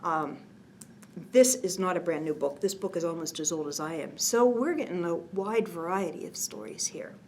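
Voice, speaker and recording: With a fairly low voice at normal speed, a woman reads a picture book at a kids' bedtime storytime, gentle and expressive, with casual asides and frequent near-whispers. A little hiss or hum sits under the recording.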